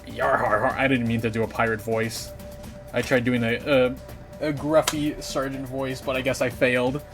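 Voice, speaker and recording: A man's voice: mid-range voice, flat delivery, moderate pace. A young man chatting casually on a live stream while building a model kit, rambling and swearing lightly. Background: faint game music.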